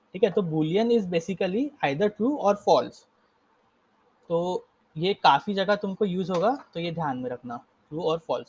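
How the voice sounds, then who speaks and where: A man's voice: on the high side, darkish tone, husky. A young man casually teaching a live coding lesson, explaining step by step and often correcting himself. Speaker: coding instructor.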